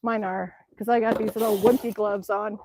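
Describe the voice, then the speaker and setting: Speaking at a moderate pace in a steady mid-range voice, this middle-aged woman from Alaska livestreams from the snowy outdoors. She chats casually, reading out messages from her viewers and answering them, while background noise runs underneath.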